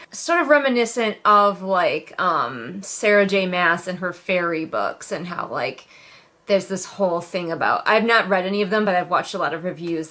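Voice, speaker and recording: A woman with a mid-range voice hosts a casual read-along book review. She comments sarcastically, putting animated, mocking emphasis on her points.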